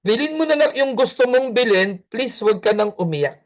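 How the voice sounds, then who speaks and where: A man voicing a tired, busy businessman father who snaps at his child and then softens. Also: high voice, quick pace, voice pushed up, lightly acted. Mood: remorseful. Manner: impatient, scolding, then soothing.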